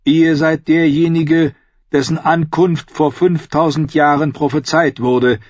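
Priestess figure, fierce and commanding, read by a man, high and breathy, dry booth. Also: fairly even intonation, measured pace, darkish tone, no echo, highs cut off. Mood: fervent. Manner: raised, fervent, insistent. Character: commanding, fiercely intense female red priestess.

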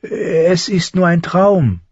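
A man's voice: sits high, expressive, takes it slowly, darkish tone, slightly rough, no room sound, highs cut off, pitched above the performer's own voice, full character voice. A man voicing a frightened young boy who whines and pleads tearfully.

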